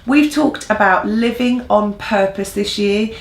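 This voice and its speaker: A woman with a mid-range, slightly slow voice co-hosts an informal church newsreel, sounding earnest and encouraging. The room has an echoey sound.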